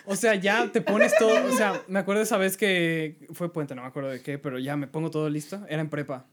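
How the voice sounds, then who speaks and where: Young Mexican man, podcast co-host, a bit high-pitched, casual, slangy, laughs a lot. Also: fairly even intonation, fairly quick, heavy background noise. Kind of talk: casual chat.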